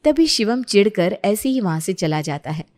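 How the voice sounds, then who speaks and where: A woman's voice: mid-range voice, very animated, moderate pace, a little mellow. A woman narrating a family story in a storybook style.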